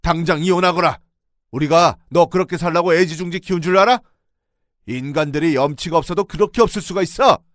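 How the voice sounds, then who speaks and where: A man voicing an older, fiercely protective father-in-law who gives orders in booming shouts. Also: fairly quick, dry recording, clean studio sound, lightly acted. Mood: enraged.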